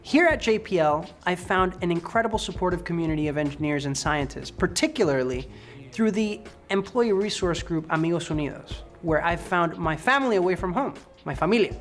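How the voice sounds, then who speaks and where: A man from Ecuador, a test and operations engineer, giving an upbeat, brisk scripted statement. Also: high voice, lively intonation, fairly bright tone, soft background music.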